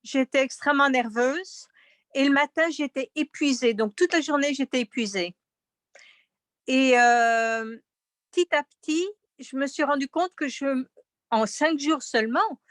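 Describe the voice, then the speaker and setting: High-voiced woman, close dry sound. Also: a little slow, no room sound. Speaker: participant giving a testimonial. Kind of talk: informal testimonial. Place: online video meeting.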